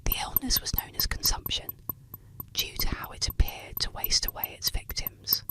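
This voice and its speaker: A woman narrating eerie tales as ASMR, in a soft unvoiced whisper close to the ear. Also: normal speed. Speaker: ASMR storyteller. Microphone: close ASMR microphone.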